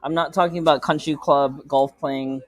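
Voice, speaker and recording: A man's voice: on the high side, steady tone, normal speed, dry recording. A man, a filmmaker being interviewed, answering casually and hesitantly with many ums and careful restarts. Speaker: filmmaker guest.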